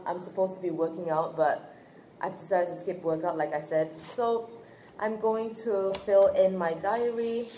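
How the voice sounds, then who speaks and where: A young woman vlogs from home, her voice sitting a little low. She rambles easily through fillers and restarts. The camera mic picks up a roomy echo and a faint hiss. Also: darkish tone. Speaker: vlogger. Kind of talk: casual chat to camera. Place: at home indoors. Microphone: handheld camera.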